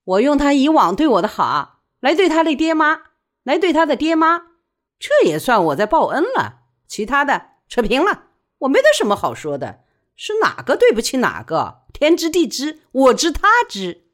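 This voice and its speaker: A woman's voice: sits high, wildly swooping pitch, moderate pace, voice pushed up. A woman voicing a defiant, newly widowed woman who speaks sharply and bitterly.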